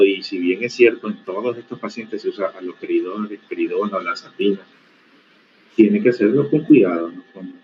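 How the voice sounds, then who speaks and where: Speaking over a dull, lo-fi video call with faint noise behind him, a stern, low-voiced man lectures medical students in an online university class. He sets his students straight in a firm, plain manner.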